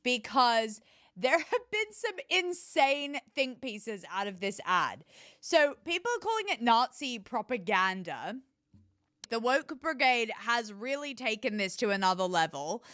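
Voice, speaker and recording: A woman's voice: a little high, very animated, takes it slowly, fairly bright tone, no room sound, clean studio sound. A woman hosting her own show, giving opinionated commentary with an emphatic, scornful tone and lots of rhetorical questions. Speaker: political commentary host.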